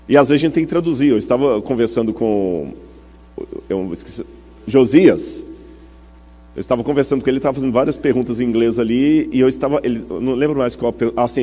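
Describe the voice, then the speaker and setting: A man's voice: mid-range voice, dark tone. A man with a Brazilian Portuguese accent preaching a teaching sermon to a congregation. He explains step by step and often checks in with his listeners through questions. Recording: long hall reverb.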